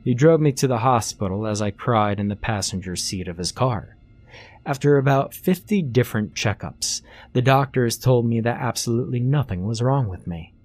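A man reading a first-person horror story aloud in a measured, somber way, over faint background music. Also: medium pitch, animated, a little mellow. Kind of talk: scripted horror narration.

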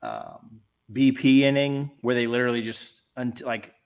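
A man's voice: mid-range voice, wildly swooping pitch, unhurried, gravelly, smooth. Laid-back, rambling man co-hosting a podcast. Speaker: podcast co-host. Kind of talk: casual chat.

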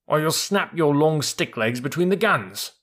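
Man voicing old male army mule, storybook animal, gruff, bossy, brisk scolding, animated pitch.

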